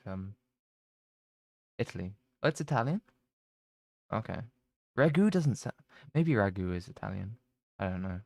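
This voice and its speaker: A man's voice: lowish voice, no echo, clean studio sound. A young man chatting casually on a stream, rambling and self-mocking, with plenty of swearing. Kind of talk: casual chat.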